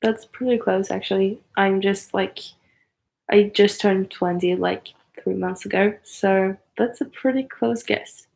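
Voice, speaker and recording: A young woman in her twenties chats on a livestream from her apartment, talking slowly and unhurriedly. Her voice has a gravelly, creaky edge, and she hesitates often, leaning on fillers and small apologies. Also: medium pitch, steady tone, darkish tone. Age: 20s. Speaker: YouTuber on a livestream. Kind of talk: casual livestream chat.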